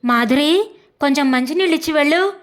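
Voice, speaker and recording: A woman's voice: high-pitched, moderate pace, fairly bright tone. A woman voicing a harsh, bossy older mother-in-law in a narrated story. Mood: demanding.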